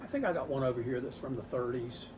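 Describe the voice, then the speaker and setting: An older man, a comic shop owner telling animated stories in a casual interview inside his store. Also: fast talker, background noise. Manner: animated storyteller, voices customers with rising pitch.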